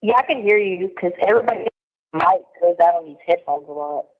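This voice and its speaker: A woman's voice: fairly low pitch, lively intonation, fairly quick. A woman calling from prison, chatting casually and giggling as she tells little stories over a recorded prison phone line. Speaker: inmate caller.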